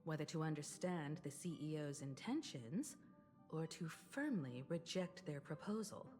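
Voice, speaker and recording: A calm, gracious navigator. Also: female voice, deep voice, normal speed, soft background music. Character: composed mature woman, ship navigator and leader. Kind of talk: video game voice acting.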